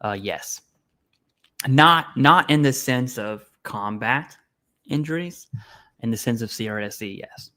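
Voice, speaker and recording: A man's voice: medium pitch, expressive, takes it slowly, long pauses, pushed and bright. A man hosting a casual live Q&A stream, reading viewer questions aloud and answering bluntly and informally. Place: home setup, eating while streaming.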